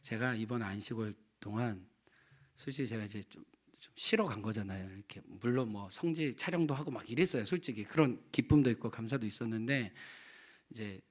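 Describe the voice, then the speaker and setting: A man's voice: fairly low pitch, fairly quick. A middle-aged male pastor preaching a sermon, telling a personal family story and acting out the quotes of his wife and children. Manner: animated storytelling, voicing family members' quotes. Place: church sanctuary.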